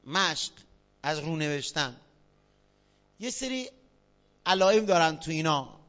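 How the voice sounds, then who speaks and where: High bright-voiced man lecturing a class. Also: expressive. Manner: quizzes listeners, spells out examples. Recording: dull lo-fi sound.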